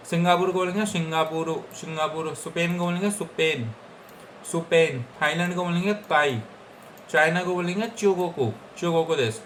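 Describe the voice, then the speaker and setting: A young man from India runs through Japanese vocabulary in a casual Hindi lesson. His voice sits a little high, and he repeats every word several times with frequent check-ins. A faint background noise stays under his speech. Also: a bit bright. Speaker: Japanese language teacher.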